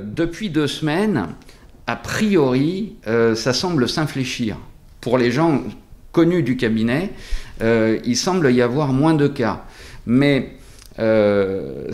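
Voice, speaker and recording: A man's voice: medium pitch, darkish tone. Man explaining hesitantly through a face mask. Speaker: doctor at a local practice being interviewed. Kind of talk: interview answers, explanatory.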